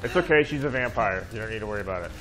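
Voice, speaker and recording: A man's voice: fairly low pitch, expressive, very fast. A man giving casual, sarcastic and crude commentary while playing a video game. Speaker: gamer streamer. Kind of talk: casual let's-play commentary. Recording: voice over game music.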